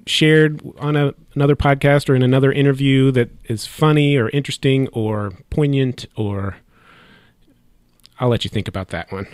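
A male podcast host conducts a casual interview, asking his questions hesitantly and restarting often. His voice is mid-range with a steady tone and normal speed, recorded cleanly in a studio with no room sound.

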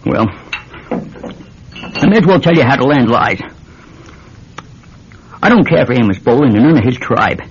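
Crusty old new farm dad in a radio play, gruff and terse, dull sound. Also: male voice, mid-range voice, sing-song, a little slow, long pauses. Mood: stern, sour. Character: stern, grudging old New England farmer father. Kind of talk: radio drama acting. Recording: dull radio recording with faint noise.

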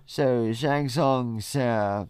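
A man's voice: mid-range voice, drawn-out words, a little mellow, smooth, dry recording. A man hosting a casual movie recap from his notes, blunt, sarcastic and freely swearing. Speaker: podcast host who leads the recap.

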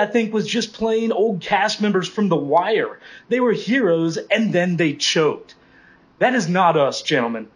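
A man playing a bombastic, cocky coach who delivers a grandiose, sweary, comedic halftime pep speech to his team. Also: a little high. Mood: fired up. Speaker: coach giving pregame speech.

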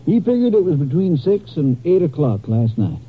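Husky country sheriff. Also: male voice, a little high, sing-song, moderate pace. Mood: plain, helpful. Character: plain-spoken, helpful male country sheriff. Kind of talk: old-time radio crime drama acting. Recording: muffled vintage radio recording.

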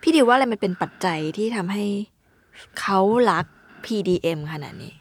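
A woman's voice: medium pitch, animated, brisk, slightly rough, no room sound. A woman hosts a casual interview, listening closely and asking follow-up questions. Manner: attentive, frequent short backchannel replies. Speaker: interview host.

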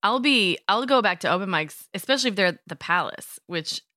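A woman's voice: medium pitch, expressive, brisk, sharp tone, no echo. A woman comedian chatting casually, dropping dry, wry asides. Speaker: comedian guest. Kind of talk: casual chat.

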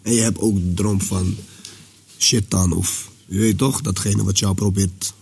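A young male guest at a casual dinner chat, rambling in a relaxed way with lots of slang. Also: sits low, a little slow, vocal fry, slightly rough.

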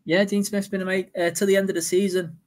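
A man co-hosting a fantasy football podcast, chatting in an excitable, casual way. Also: high-pitched, fast talker. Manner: chatty, excitable, fan talk. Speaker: podcast co-host. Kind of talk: casual chat.

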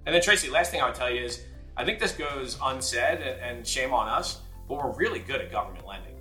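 A man's voice: medium pitch, expressive, a little fast, sharp tone. A man answering an interview question for a sponsor segment, upbeat and confident. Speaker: sponsor guest, bank executive. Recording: roomy with faint music.

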